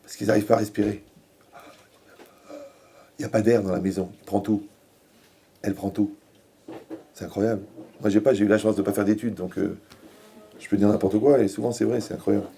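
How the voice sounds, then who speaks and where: Gravelly rabbi with a dry humor. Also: male voice, lowish voice, fairly even intonation, fairly quick, pauses often, dark tone, slight background noise. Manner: joking, asks rhetorical questions. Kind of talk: humorous Torah lecture.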